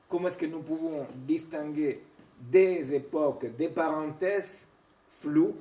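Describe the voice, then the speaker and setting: A man's voice: mid-range voice, dark tone. A man giving an informal academic seminar lecture. He wanders between points, stops often with hesitations and restarts, and keeps checking in with his listeners. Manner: digressive, keeps checking in with "vous voyez", "non?", "hein". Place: seminar room. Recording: echoey room, mic far from speaker.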